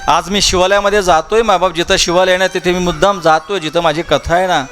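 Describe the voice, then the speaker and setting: Impassioned high-voiced Marathi preacher. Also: male voice, steady tone, quick pace, a bit bright, soft background music. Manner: impassioned, rhetorical questions to the crowd, repeats phrases, calls listeners maybap. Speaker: kirtan preacher telling the Shiv Mahapuran katha. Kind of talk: devotional katha sermon. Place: large public gathering at a festival.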